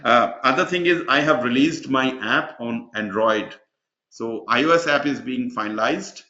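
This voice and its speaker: A man's voice: mid-range voice, normal speed, bright, forceful tone. A man hosting an online webinar, chatty and rambling, with many fillers. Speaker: webinar host and exam mentor. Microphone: video call. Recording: dull, echoey video call audio.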